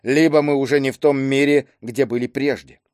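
Dry, unhurried, ironic grown man, voiced by a male reader, close dry sound. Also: mid-range voice, steady tone, a little mellow, no room sound, natural voice. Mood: calm. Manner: dry mocking tone.

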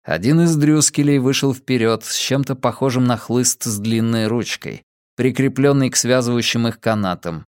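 A man reading a dramatic audiobook in a steady, measured narrating voice. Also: medium pitch, no room sound, studio quality. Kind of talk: scripted narration.

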